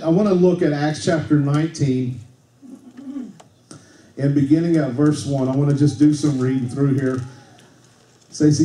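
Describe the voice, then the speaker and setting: A man's voice: mid-range voice, warm tone. Conversational preacher man in echoey church. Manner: conversational, tag questions like okay, frequent restarts. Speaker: pastor. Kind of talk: sermon. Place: church sanctuary. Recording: echoey church room, mic at a distance.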